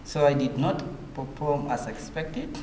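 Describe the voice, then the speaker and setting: A man, a chess player, answering interview questions in plain, somewhat halting phrases. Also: medium pitch, animated. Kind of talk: post-round interview answers. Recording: echoey room with faint noise.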